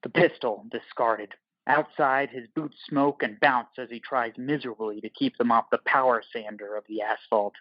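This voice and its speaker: A man reads scripted narration for an audio play in a middle-pitched voice with fairly even intonation and a moderate pace. The recording is very dry, with a dulled top end.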